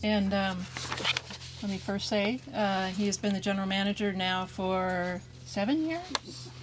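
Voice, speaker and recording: A woman's voice: mid-range voice, unhurried. A woman introducing guests at an outdoor dedication ceremony, speaking casually with fillers. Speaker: board member emceeing a dedication ceremony. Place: outdoor county park. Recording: noisy outdoor recording.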